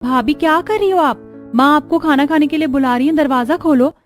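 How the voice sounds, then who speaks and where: A woman's voice: high voice, a little fast, faint music behind, pitched above the performer's own voice, natural voice. A woman voicing an eager young daughter at the door. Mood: insistent. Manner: calling out, insistent.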